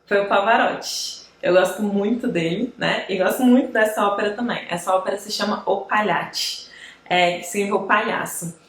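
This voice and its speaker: A woman's voice: medium pitch, moderate pace, reverberant, a little hiss or hum. A woman music teacher with a Brazilian Portuguese accent, explaining voice types in a chatty online lesson and often checking in with her listeners. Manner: chatty, explanatory, frequent tag questions.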